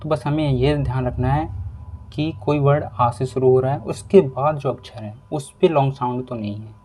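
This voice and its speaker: Slow, patient male teacher. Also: mid-range voice, mellow, a little hiss or hum. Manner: slow, repetitive explaining. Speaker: English teacher. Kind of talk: pronunciation lesson.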